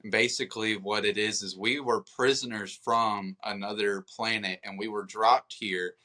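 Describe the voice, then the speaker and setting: Young male co-host, bright forceful tone, animated casual storyteller on a call. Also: fairly low pitch, normal speed. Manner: animated storytelling, mimics people he quotes. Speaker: podcast co-host. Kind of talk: casual chat. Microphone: video call.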